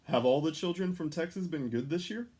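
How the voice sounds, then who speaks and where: A man voicing a jolly old Santa Claus with a booming, hearty delivery for a children's storybook. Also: a little fast, darkish tone, breathy edge. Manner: hearty, exclamatory. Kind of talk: children's storybook read-aloud.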